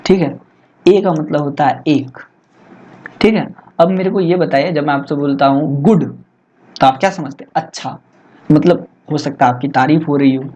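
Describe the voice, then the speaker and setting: A man tutoring students in a lesson, chatty and asking rhetorical questions, slowing down to dictate English phrases. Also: a little high, darkish tone. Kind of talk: Hindi-English exam lesson. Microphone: laptop recording.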